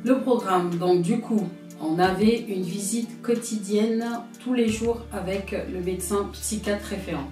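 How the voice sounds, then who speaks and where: Speaking unhurriedly in a medium-pitched voice, a woman from France in her thirties shares a personal testimony as an interview guest. She sounds reflective and hesitant as she hunts for the right words, with music behind her in a roomy, distant recording.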